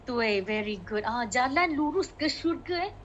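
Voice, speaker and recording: A woman's voice: sits high, expressive, measured pace, fairly bright tone, highs cut off, slight background noise. A woman with a Malaysian Malay accent teaching a Mandarin class, coaxing students and modeling the tones as she mixes languages.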